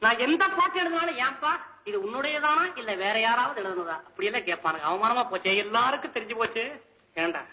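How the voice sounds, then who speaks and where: Comic poor poet, male, whiny and wailing, high and bright, as a man plays him. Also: dull audio, a little hiss or hum, exaggerated voice. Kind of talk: comic film-scene reenactment.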